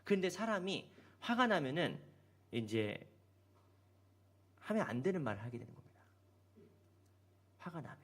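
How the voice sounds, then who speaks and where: Korean pastor guy preaching, high voice, keeps asking the church questions. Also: normal speed, pauses often, slightly rough. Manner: animated, acts out the people's complaints; asks the congregation questions. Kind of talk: sermon. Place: church sanctuary.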